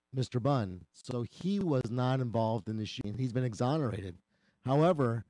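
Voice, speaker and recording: Brief: man, lawyer guest on talk radio, earnest and explanatory, slight cold in the voice, warm tone, dry studio sound. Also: mid-range voice, no room sound. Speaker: attorney guest.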